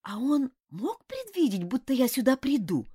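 Woman doing a high, fretful young lady. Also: very animated, normal speed, mellow, slightly rough, no echo, studio quality, full character voice. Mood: fretful, exclaiming. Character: young noble lady, impulsive and fond of her pet. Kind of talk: audiobook character voice.

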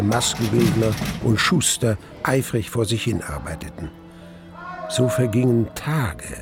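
In measured, literary standard German, an actor with a medium-pitched voice narrates a German radio play. He plays a wistful man recounting his past love.

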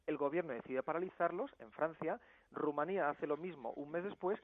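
A man's voice: a little high, dry recording. A man speaking as a campaign spokesman in a phone interview, arguing his case firmly. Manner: firm, argumentative. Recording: tinny phone line.

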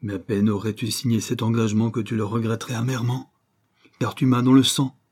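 A man's voice: medium pitch, level tone, a little fast, darkish tone, breathy edge, close to an everyday voice. A male audiobook reader voicing a scheming, seductive female adventuress who coaxes and insists theatrically. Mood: passionate. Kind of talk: audiobook character reading.

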